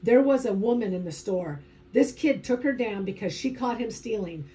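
A woman's voice: medium pitch, lively intonation, normal speed, mellow, lightly acted, rough recording. A woman voicing a troubled, tough young man who pleads urgently and flares into anger. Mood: pleading.

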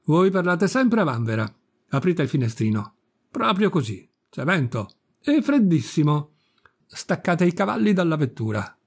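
A demanding, capricious old countess barks orders and complains in a raised, slightly husky voice, as a male reader puts her on. She sounds peevish and imperious throughout, her lines clipped and commanding. It is a reading of a classic story. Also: fairly high pitch, sing-song, normal speed, pitched above the performer's own voice, heavily acted. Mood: scolding.

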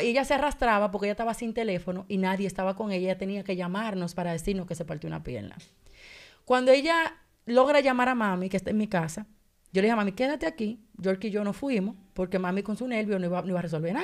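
This woman is a guest on a radio talk show giving a heartfelt personal testimony. Her voice is medium-pitched and she talks fast, performing each line of dialogue in lively storytelling fashion.

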